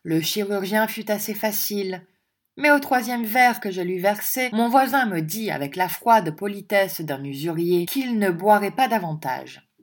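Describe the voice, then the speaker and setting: A woman narrates a classic novel in audiobook style. Her reading is composed and expressive, with a voice of middling pitch. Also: unhurried.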